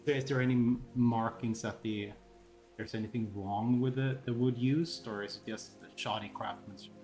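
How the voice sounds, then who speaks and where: A man takes part in a tabletop role-play as a player. He speaks at a middling pitch in halting, hesitant phrases, with light music behind him. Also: steady tone, darkish tone. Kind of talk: improvised in-character role-play chat.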